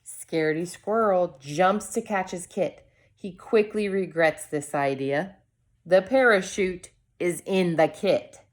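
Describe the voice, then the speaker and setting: Reading aloud to kids, a woman in a fairly low register brings a storybook to life, using deliberate dramatic pauses and speaking briefly to her viewers along the way.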